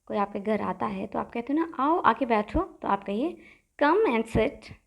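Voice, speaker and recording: Woman, young adult, English teacher, slow deliberate drilling, phrases repeated, slightly raised pitch. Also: lively intonation. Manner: slow, clear drilling, says each English phrase twice. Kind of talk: bilingual language lesson.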